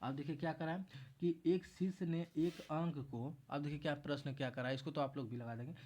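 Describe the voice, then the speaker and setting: A man's voice: fairly high pitch, steady tone, brisk, a little mellow. A man tutoring math in a casual exam-prep lesson, walking through each step and repeating himself as he explains.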